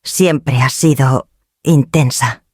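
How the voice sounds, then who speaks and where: A woman's voice: extremely low pitch, takes it slowly, a little mellow, no echo, clean studio sound, exaggerated voice. A woman voicing a cold, dismissive adult daughter who speaks curtly and impatiently in a story reading. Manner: curt, impatient.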